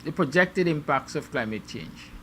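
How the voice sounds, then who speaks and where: A man's voice: on the high side, expressive, normal speed, noisy background. A Guyanese man hosting a morning show, musing aloud with rhetorical, sarcastic questions to his viewers. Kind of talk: opinion monologue to viewers.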